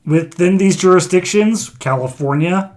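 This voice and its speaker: A man's voice: sits high, moderate pace. Young man casually explaining things. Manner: explains things, reads facts aloud. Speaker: podcast co-host. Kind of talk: casual chat.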